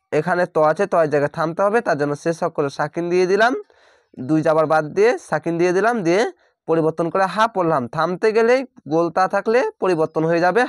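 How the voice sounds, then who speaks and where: A man teaching Quran reading, spelling each letter and vowel mark slowly before reciting the word drawn out. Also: on the high side, no echo, studio quality.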